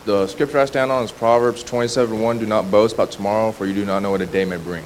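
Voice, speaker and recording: A young man from Texas gives a cheerful introduction to a church. He rattles the words off quickly in a low voice, over a faint hiss. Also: steady tone, poor audio. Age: 20s. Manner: upbeat greeting, quick delivery.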